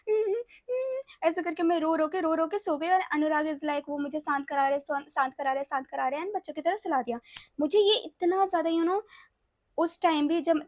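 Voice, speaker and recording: A woman's voice: high-pitched, no echo, clean studio sound. A young woman in a casual storytime vlog who mixes English phrases into her Hindi, repeats words and keeps checking in with the listener. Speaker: storytime vlogger.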